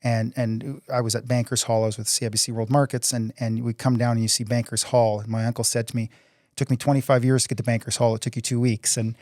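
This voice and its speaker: A man's voice: mid-range voice, level tone, fast talker, a little mellow, no room sound, studio quality. A man in his forties, a city council candidate answering interview questions in an earnest, upbeat way, often repeating words as he goes. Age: 40s.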